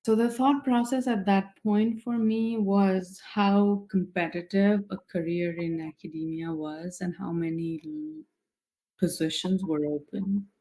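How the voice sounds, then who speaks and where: A woman from Nepal in her thirties, a scientist answering interview questions in a thoughtful, measured way with frequent fillers. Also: medium pitch, steady tone, dark tone, rough recording. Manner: thoughtful, measured, with many "you know" fillers. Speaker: guest scientist.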